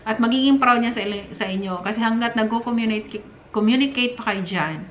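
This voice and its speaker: A woman's voice: on the high side, fairly quick, fairly bright tone, highs cut off. A middle-aged woman from the Philippines giving casual relationship advice in a chatty, preachy manner, with frequent fillers and little laughs. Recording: roomy room with faint noise.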